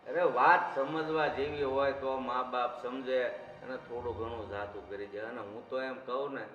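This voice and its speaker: A man's voice: mid-range voice, fairly even intonation, normal speed, fairly bright tone, slight background noise, natural voice. A man playing an exasperated lecturing father. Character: exasperated middle-aged father scolding his son. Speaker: father in a family drama. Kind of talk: Gujarati short-film acting. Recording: echoey long-reverb room, dull sound, faint music.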